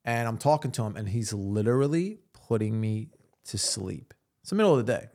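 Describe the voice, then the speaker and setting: A man's voice: on the low side, lively intonation, brisk, a little mellow. A man co-hosting a podcast, telling a chatty story. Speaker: podcast co-host. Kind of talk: casual chat.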